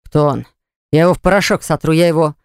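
A reader voicing a jealous, hot-tempered man who growls and hisses his words, lower than the narration, in an audiobook. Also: fairly even intonation, fast, smooth, no room sound, clean studio sound, natural voice. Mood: furious. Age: adult. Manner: growling, hissing through teeth. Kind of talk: audiobook acting.

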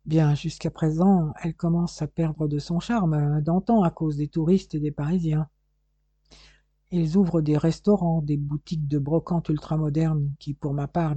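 A man voicing a gentle, devoted French wife in an audiobook, read in a soft, wistful way. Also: on the high side, no room sound, muffled recording, close to an everyday voice.

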